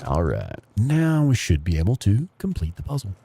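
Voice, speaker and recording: A man's voice: lowish voice, huge pitch swings, normal speed, vocal fry, warm tone, a little hiss or hum. A man hosting a gaming livestream with casual, rambling commentary and some swearing. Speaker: livestream host playing a video game.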